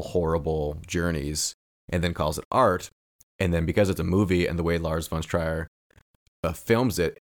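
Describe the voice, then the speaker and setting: A man with a very low, deep voice co-hosts a casual podcast. He talks in an earnest, reflective way and stretches out the phrases he wants to stress. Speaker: podcast co-host. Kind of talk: casual film discussion.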